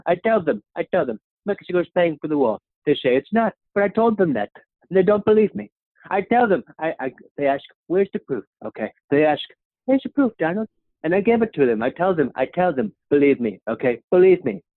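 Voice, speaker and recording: A young man's impression of a rambling, self-praising male president comes out fairly quick, with big swings in pitch and "okay?" repeatedly ending his lines on a dropping note. The comedy sketch has no room sound, though it sounds tinny like a phone.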